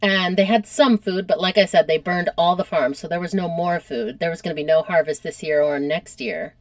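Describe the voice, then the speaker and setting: A woman's voice: lowish voice, brisk, no room sound. A woman hosting a podcast, chatting casually as she retells a history story and peppering it with "like". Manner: chatty, animated, uses lots of "like". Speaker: podcast host.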